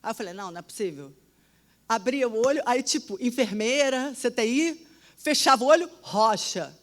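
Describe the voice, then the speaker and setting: A woman telling a personal testimony in an animated, dramatic way, often dropping to a hushed voice. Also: a little high, normal speed. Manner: animated, dramatic storytelling with sudden drops to a hush. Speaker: storyteller.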